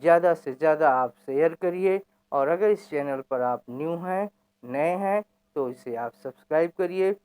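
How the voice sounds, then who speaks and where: Slow, clear-voiced woman teacher. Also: low voice, darkish tone. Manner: repeats questions and answers them herself. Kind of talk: explanatory lesson.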